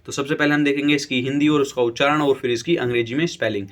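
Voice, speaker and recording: A man teaching English vocabulary, slowly spelling each word letter by letter and often checking in with his viewers. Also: mid-range voice, fairly even intonation, fairly bright tone. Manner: spells words letter by letter, repeats "theek hai". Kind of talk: slow dictation-style vocabulary lesson.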